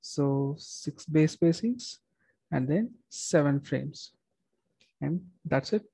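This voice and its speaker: A young man who is a structural engineer, giving a methodical screen-recorded software walkthrough with frequent fillers and restarts. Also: fairly high pitch, expressive, slow pace, creaky, slightly rough, no echo, rough recording.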